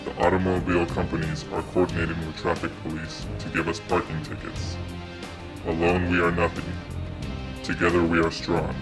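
A man voicing a masked anonymous hacker spokesman in a disguised, pitched-down deep voice, making solemn proclamations in a comedy parody. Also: completely flat delivery, moderate pace. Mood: grave. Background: music.

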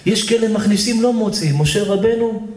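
A male rabbi giving a sermon at a community evening, animated, firing questions at the audience and calling on listeners by name. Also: sits high. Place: lecture hall at a community evening. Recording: echoey hall.

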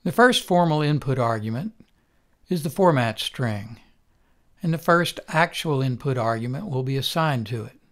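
An older man instructor giving a calm, methodical recorded programming lecture. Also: medium pitch, moderate pace.

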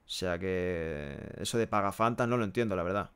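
A young man from Barcelona, Spain, with a deep, clear, resonant voice, live-streams from a small indoor room with a pale green wall, using a headset mic. At a normal pace he reads chat messages aloud and answers them frankly and casually. His chatty delivery keeps tagging sentences with "¿eh?" and "¿no?".

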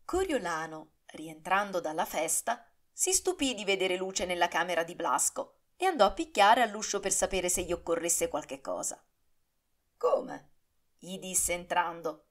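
A woman reads a historical novel aloud as an audiobook. She narrates with dramatic, expressive pacing that rises and falls with the action. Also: on the low side, moderate pace, few pauses.

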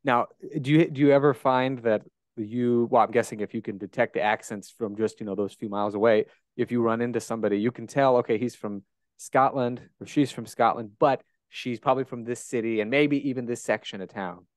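A man in his thirties from the United States, with a Great Plains accent, hosts a casual podcast interview from a bright room at home, asking curious, chatty questions and restarting often. He speaks fairly quickly at medium pitch with fairly even intonation into a close handheld dynamic mic, with no room sound.

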